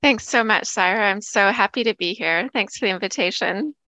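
A middle-aged woman from Vancouver Island, a professor, recalling her childhood in a relaxed interview, laughing often and filling pauses with "um". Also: mid-range voice, no room sound. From Canada, Vancouver Island. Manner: warm, reflective, laughs often, many "um"s. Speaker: guest, associate professor. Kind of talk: casual interview conversation.

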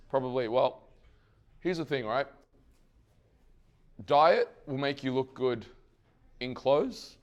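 A mid-range-voiced fitness coach who is losing his voice presents a live, energetic seminar to trainers. He keeps putting questions to the room and answering them himself, swearing casually as he goes.

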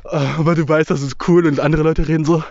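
A man's voice: fairly high pitch, little pitch movement, fast talker, a little mellow, dry recording, lo-fi sound. A young man talking casually while walking through a forest, slangy and rambling, a bit out of breath. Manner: slangy, mixes English words, rambling. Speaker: vlogger. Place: outdoors in a forest.

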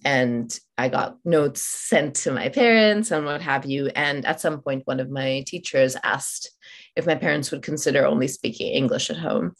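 A woman from India, raised in Oman, with Malayalam as her first language, appears as an author guest in a podcast interview. Her voice is very low-pitched, and she speaks thoughtfully, searching for words with many fillers, pauses and restarts.

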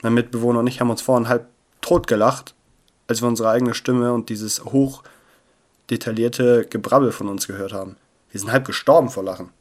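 A young man hosting a casual podcast, chatty and playful, swinging between loud bursts and low murmurs on a close, sensitive mic. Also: fairly even intonation, normal speed. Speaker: podcast host. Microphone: sensitive close mic that picks up paper rustle.

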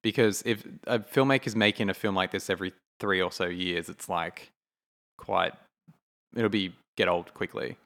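Deep-voiced man rambling about films. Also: steady tone, moderate pace, creaky, fairly bright tone. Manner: rambling, thinking aloud, many fillers. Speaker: film podcast co-host. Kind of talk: casual chat.

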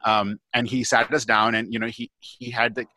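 A man's voice: mid-range voice, little pitch movement, normal speed, sharp tone, no room sound. A man, a guest pathologist, telling a long story in a podcast interview, chatty and full of "like" and "you know".

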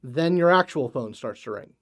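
A man narrating as game master of a tabletop game, halting with many fillers. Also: medium pitch, animated.

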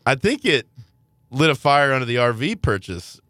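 A man's voice: mid-range voice, normal speed, dry recording, clean studio sound. A man, a father and podcast host, telling a story in casual chat and acting out the people in it. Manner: animated storytelling, acts out his kids. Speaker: father of three.

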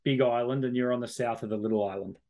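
A man with an Australian accent speaks in a medium-pitched voice. He talks casually as the host of a show, in an informal, conversational style. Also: steady tone, fast talker, a loud crowd. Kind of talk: casual chat on a video show.

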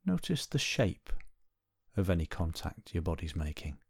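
A man with a lowish, husky voice leads a guided body scan meditation, giving gentle, unhurried instructions with space between phrases. His pitch swings widely and he uses vocal fry, and the recording is very dry and close with no echo and hardly any room sound.

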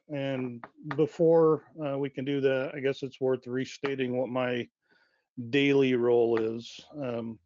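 Hoarse man giving a casual webinar talk. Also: mid-range voice, dark tone, dry recording. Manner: informal, halting, many fillers and self-corrections. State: losing his voice. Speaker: webinar guest speaker, university wireless lead. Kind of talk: conversational webinar presentation. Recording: dull, dry lo-fi web audio.

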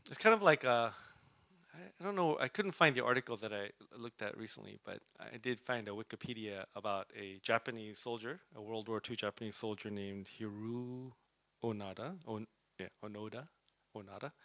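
A man's voice: fairly low pitch, fairly bright tone, no room sound. A man preaching a Bible lesson in a conversational way, often checking in with "right?". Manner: conversational, often asks "right?", uses fillers. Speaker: preacher teaching a Bible study. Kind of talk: sermon.

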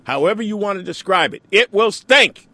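Sarcastic New radio host, high and lively. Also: male voice, normal speed, dry recording. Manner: sarcastic, mocks opponents in mimicking asides. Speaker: radio talk show host. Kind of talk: opinionated radio monologue.

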